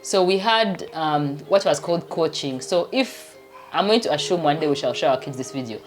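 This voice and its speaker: Music plays under the deep, lively voice of a Ugandan woman in her 30s who speaks at a moderate pace with a Ugandan accent. A doctor by profession, she hosts a rambling, chatty home vlog full of laughter and casual talk.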